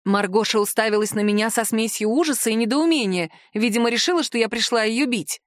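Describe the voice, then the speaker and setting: Brief: woman narrator, high voice, dry close sound, lively expressive fantasy audiobook reading. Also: a little fast, no room sound.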